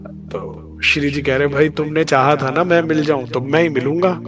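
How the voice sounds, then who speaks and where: A man's voice: on the high side, fairly even intonation. Man giving a devotional talk over music. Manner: chants verse lines slowly, then explains; speaks directly to listeners, asking and answering his own questions. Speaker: spiritual speaker. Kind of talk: devotional discourse. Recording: background music under the voice.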